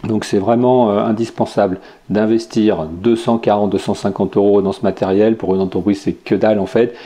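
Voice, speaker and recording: A French man, an adult with children, hosts a podcast casually reviewing tech and games in a lowish, mellow voice. He speaks fairly quickly in a steady tone, with many fillers and restarts.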